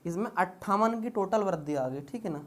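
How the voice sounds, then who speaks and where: A woman's voice: medium pitch, expressive, a little fast. A woman tutoring exam-prep math, talking through each step with rhetorical questions.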